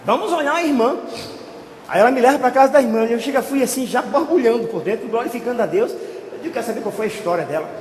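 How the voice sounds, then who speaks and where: A man pastor telling a testimony as a sermon, lively storytelling that rises to shouts at the climaxes. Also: very high voice, fast, slight background noise. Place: church hall. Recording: echoey hall, faint ambience.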